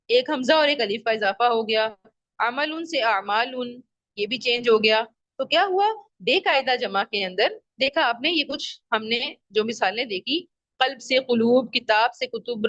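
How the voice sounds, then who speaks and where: A woman's voice: a little high, a bit bright, no echo, dull audio. Patient woman teaching Arabic grammar. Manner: patient, repeats examples slowly. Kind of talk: online lesson.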